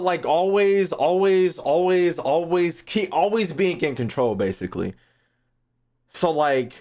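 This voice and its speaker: In a fairly high voice with a darkish tone, a man streams games and reacts casually to his live chat. The commentary is slangy and full of swearing, and he repeats phrases as he thinks aloud.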